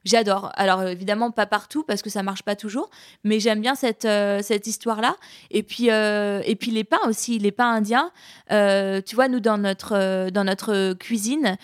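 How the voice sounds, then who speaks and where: A woman who cooks Indian food for a living, chatting in an interview and pausing often as she thinks aloud. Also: mid-range voice, steady tone, smooth, no room sound, clean studio sound. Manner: hesitant, thoughtful, many pauses and restarts. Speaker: chef of Indian cuisine. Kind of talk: casual interview conversation.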